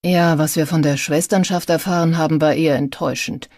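A woman reading an audiobook, voicing a tired male detective who speaks in a firm, gruff manner. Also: sits low, steady tone, brisk, darkish tone, no room sound, studio quality. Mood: firm weary.

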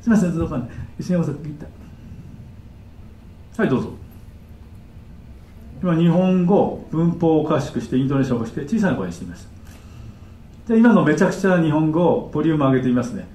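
A man giving a live seminar as a counselor, animated and demonstrative, chatting with his audience. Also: a little high, fast talker, pauses often, slight background noise. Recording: echoey hall, distant mic.

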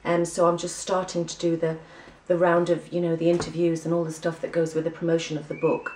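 A woman's voice: on the low side, monotone, brisk, darkish tone, roomy sound, far from the mic, low-quality recording. A woman with an English accent giving a breezy, chatty catch-up to camera, full of ums. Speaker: vlogger giving a personal catch-up. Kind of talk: casual chat to camera.

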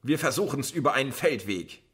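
A protective teenage girl giving firm, urging instructions, as voiced by a male reader. Her lines sit slightly above the narration, with a bright, clear tone. It is an audiobook performance. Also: mid-range voice, lively intonation, fairly quick, pitched above the performer's own voice.

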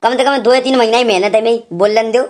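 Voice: medium pitch, steady tone, fast, background noise, natural voice. A performer voicing an eager village man in a comic cartoon who insists on being heard, with a Braj rural Hindi accent. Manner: pleading, insistent. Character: eager village man showing off his dialogues.

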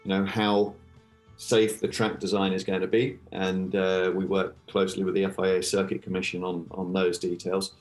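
A man with a fairly low voice answering interview questions over a video call. He speaks hesitantly, with fillers and restarts. Faint music sits beneath him. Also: little pitch movement, normal speed. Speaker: event director being interviewed.

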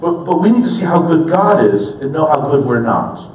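A man in his thirties preaching a sermon in an earnest way, moving between hushed, slow lines and emphatic ones. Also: fairly high pitch, sing-song, slight background noise. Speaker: pastor. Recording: roomy, distant church recording.

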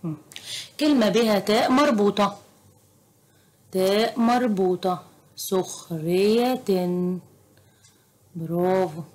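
A woman's voice: medium pitch, a little mellow. Patient Egyptian woman tutoring children. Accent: Egyptian Arabic. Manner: slow, patient, encouraging teacher tone. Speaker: private tutor. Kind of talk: teaching a children's Arabic lesson.

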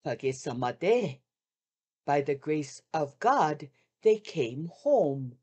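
Older woman reading slowly with feeling. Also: low-pitched, big pitch swings, darkish tone, husky. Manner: measured, heartfelt reading with drawn-out pauses. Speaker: reader of wartime memoirs. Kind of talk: reading a first-person memoir aloud. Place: home room with shoji screens. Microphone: video call webcam.

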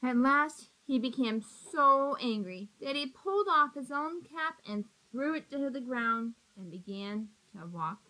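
The recording is rough: a laptop or webcam mic at arm's length in a small block-walled room. There, a high-pitched storybook reader in her thirties expressively and deliberately reads a children's picture book, pausing to ask the young listeners questions.

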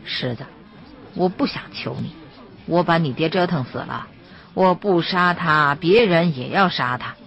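A man's voice: on the high side, measured pace, gravelly, fairly bright tone, highs cut off. A woman voicing a stubborn, proud village man facing death, speaking grimly and without yielding, in an audiobook reading. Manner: grim, unbending.

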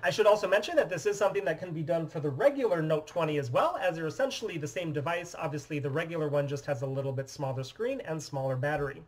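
Man explaining a phone demo, slightly high. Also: quick pace, hardly any pauses, poor audio. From United States. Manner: steady, explanatory and methodical. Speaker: phone repair business owner. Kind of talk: scripted product demonstration. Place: small indoor office room.

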